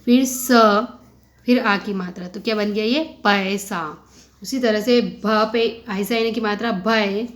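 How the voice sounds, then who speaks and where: A woman's voice: medium pitch, fairly even intonation, a little slow. A woman teaching a kindergarten reading lesson, sounding out syllables one at a time and asking questions as she goes. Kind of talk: slow spelled-out phonics lesson.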